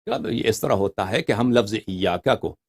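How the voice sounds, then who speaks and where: A man giving an explanatory scriptural lecture, emphatic, reciting quoted passages slowly and repeating key words, and putting rhetorical questions to his listeners. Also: lowish voice. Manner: asks rhetorical questions to the audience. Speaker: religious lecturer.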